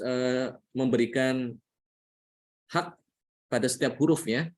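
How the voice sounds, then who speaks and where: A man with an Indonesian accent teaching a Quran recitation lesson, patiently repeating each point and often adding "ya". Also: mid-range voice. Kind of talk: religious lesson.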